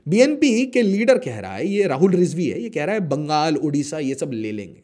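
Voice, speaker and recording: A man giving an animated explainer lecture on current affairs, emphatic and full of rhetorical questions. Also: on the high side, normal speed. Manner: emphatic, rhetorical questions, mixes English into Hindi.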